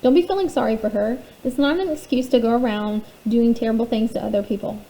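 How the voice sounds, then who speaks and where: Storybook part: a woman voicing a blunt, sassy schoolgirl, fairly high, mellow. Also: fast, close to an everyday voice, rough recording. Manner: blunt and matter-of-fact.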